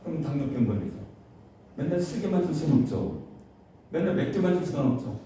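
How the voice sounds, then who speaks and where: A male pastor preaching a sermon in a church, animated, with his voice rising to fervent cries when he acts out prayers. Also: on the high side, fairly quick. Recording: echoey church hall from far off, faint hiss.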